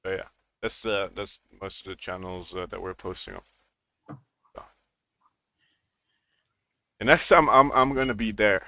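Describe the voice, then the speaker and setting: A man in casual conversation as a livestream host, easygoing and chatty. His voice sits on the low side and sounds dry and close, with little room around it. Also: a little slow, long pauses, dry recording. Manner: relaxed, lots of "you know" and "man". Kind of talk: casual chat.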